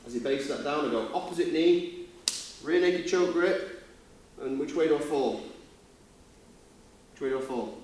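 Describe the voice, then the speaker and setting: Male Yorkshire coach, slightly high voice, informal and blokey hands-on teaching, heard from a distance in a very echoey room. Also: moderate pace, pauses often, a little mellow. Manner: informal, blokey, step-by-step instructions with checking questions. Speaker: martial arts seminar coach. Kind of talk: hands-on demonstration teaching with casual banter. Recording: echoey room, distant mic, faint noise.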